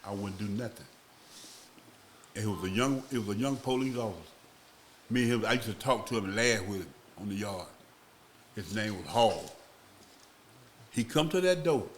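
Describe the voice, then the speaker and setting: A man, a podcast guest telling a long, rambling story in a slow, casual way. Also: fairly low pitch, expressive, slight background noise. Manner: slow, rambling, acts out voices in his stories.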